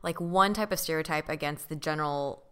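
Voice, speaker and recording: A woman's voice: low voice, brisk, pushed and bright, smooth. A woman hosting a casual podcast chat and steering it with questions. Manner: asks questions, steers the conversation. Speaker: podcast host.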